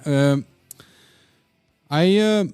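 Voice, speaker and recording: A man's voice: fairly high pitch, very slow, darkish tone, clear, resonant tone, dry recording, soft background music. A man hosting a podcast interview, asking his guest questions in a loose, rambling way. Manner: rambling, with many fillers and restarts. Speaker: podcast host. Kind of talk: casual interview.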